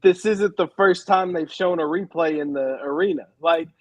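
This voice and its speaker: A man with a high voice talks casually as a podcast co-host, ranting and laughing with an animated, exasperated edge. The sound is dry and close, with no room around him. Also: moderate pace, no echo, rough recording. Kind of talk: casual wrestling review chat.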